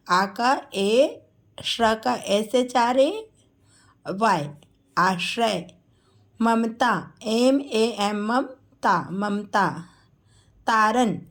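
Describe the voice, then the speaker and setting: A woman teaching a spelling lesson, dictating names slowly syllable by syllable and explaining each letter. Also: medium pitch.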